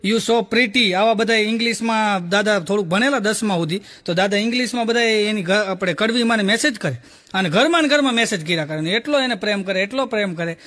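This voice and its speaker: High, bright-voiced comic storyteller. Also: male voice, fast talker. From Gujarat, India. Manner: jokey storytelling, punchline-driven. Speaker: stand-up comedian.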